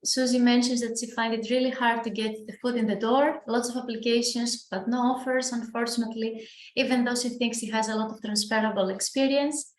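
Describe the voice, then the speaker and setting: Female co-host reading chat, somewhat high pitch, echoey room with light background noise. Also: steady tone, brisk. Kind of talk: reading audience comments aloud. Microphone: video call. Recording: roomy call audio with faint noise.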